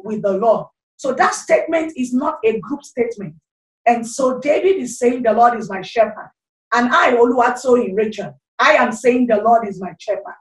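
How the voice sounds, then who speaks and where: Sitting in a small room, she preaches an online sermon into a corded handheld microphone, gesturing as she goes; she's a middle-aged Nigerian evangelist. Her fervent, repetitive preaching, a little high and punctuated by frequent exclamations, is captured poorly from a distance with a roomy sound.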